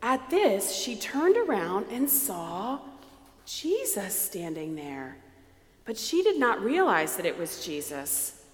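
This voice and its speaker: A woman leading a dramatized scripture reading, animated and prompting listeners to join in. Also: mid-range voice, slow. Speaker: lead reader. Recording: echoey hall with long reverb.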